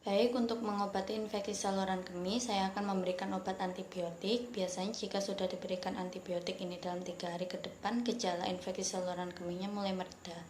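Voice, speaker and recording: Wanita memerankan dokter penenang di ruangan bergema. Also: female voice, mid-range voice, flat delivery, quick pace, few pauses, darkish tone, close to an everyday voice. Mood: calm, explanatory. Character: reassuring female doctor explaining treatment. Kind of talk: scripted student role-play. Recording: echoey room, faint background noise.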